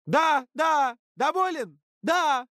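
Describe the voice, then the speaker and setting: A man's voice: very high voice, animated, drawn-out words, pushed and bright, dry recording, clean studio sound, voice pushed up, exaggerated voice. A man voicing a jealous, screaming teenage girl at a summer camp in an audiobook, in a raised, accusing voice. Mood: shrill. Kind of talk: audiobook character voice.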